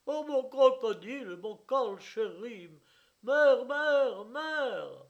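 A man voicing a self-pitying German showman who wails loudly in a shrill, lamenting voice. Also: animated, drawn-out words, lo-fi sound, full character voice. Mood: wailing.

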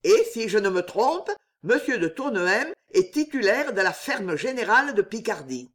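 A woman voicing a small, scheming nobleman in a storybook reading, mocking and menacing, with a low growl. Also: sing-song, normal speed, natural voice. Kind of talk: audiobook character reading.

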